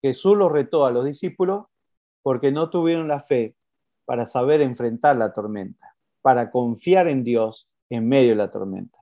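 A preacher, giving an animated sermon full of repetition and rhetorical questions. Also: mid-range voice, moderate pace.

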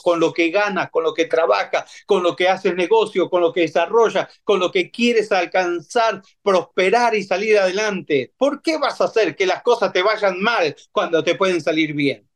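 A man's voice: sits high, normal speed, hardly any pauses. A man preaching a sermon in an emphatic way, repeating phrases and asking his congregation rhetorical questions.

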